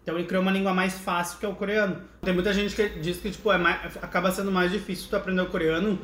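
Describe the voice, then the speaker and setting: A man's voice: high-pitched, flat delivery, rapid-fire, a bit bright, reverberant, a little hiss or hum. A man chatting as a podcast guest, telling stories with frequent laughs and restarts. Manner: chatty storyteller, laughs often, restarts mid-sentence. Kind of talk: casual chat.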